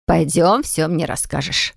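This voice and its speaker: A woman voicing a slow, knowing old grandmother. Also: sits low, vocal fry, no echo, studio quality, full character voice. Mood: grave. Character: shrewd, steady old grandmother. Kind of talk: audiobook character voicing.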